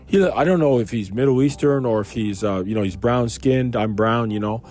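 A man from Canada reads a Bible passage aloud, then talks it over in a loose, chatty way, tossing in asides and questions to his listeners. His voice is mellow and sits at a middle pitch. Soft music plays faintly underneath. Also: moderate pace. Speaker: Bible commentator. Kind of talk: informal Bible reading and commentary.

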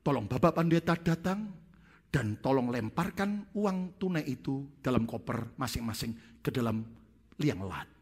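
A man voicing a dying wealthy old man who makes slow, quiet, deliberate requests, heard in a reverberant hall. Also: on the high side, breathy edge, heavily acted. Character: dying rich old man, solemn and secretive. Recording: long reverb of a large hall.

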